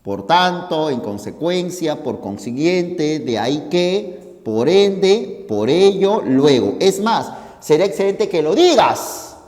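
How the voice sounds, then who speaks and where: A Peruvian-accented man lecturing a class, his voice high and swinging widely in pitch. He talks unhurriedly and keeps checking that students follow along. The room adds a long echo. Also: sing-song, slow pace, a little mellow. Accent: Peruvian Spanish. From Peru. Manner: emphatic, asks students for agreement often. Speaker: teacher. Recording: hall reverb in classroom.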